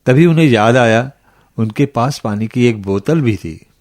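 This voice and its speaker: An actor playing a kindly old grandfather who tells children a spooky story in a radio lesson, in a slow, dramatic manner. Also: mid-range voice, expressive, darkish tone, close to an everyday voice.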